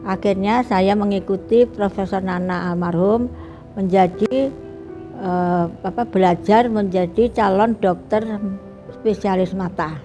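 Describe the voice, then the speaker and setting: Older woman, mellow and unhurried. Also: medium pitch, steady tone, faint music behind. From Bali, Indonesia. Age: 70s. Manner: unhurried, reflective, with many pauses and restarts. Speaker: retired eye doctor and professor. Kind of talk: recorded interview, personal reminiscence.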